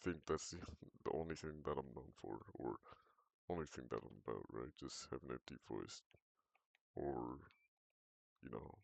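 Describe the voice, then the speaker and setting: Teen boy with a very low, gravelly voice, loose rambling gamer chat, dry close sound. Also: normal speed, pauses often, dry recording. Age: teens. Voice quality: very deep voice. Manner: rambling, hesitant, self-correcting. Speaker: gaming vlogger. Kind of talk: casual chat while gaming.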